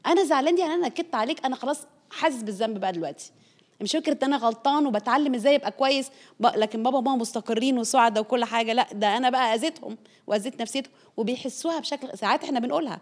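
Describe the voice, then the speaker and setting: A woman with an Egyptian Arabic accent giving an earnest, explanatory parenting talk, repeating her points for emphasis. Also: a little high. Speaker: parenting speaker. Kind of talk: conversational teaching talk.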